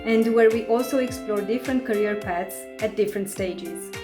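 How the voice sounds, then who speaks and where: A woman reading a scripted podcast introduction in a steady, read-out manner. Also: mid-range voice, normal speed. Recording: speech over background music.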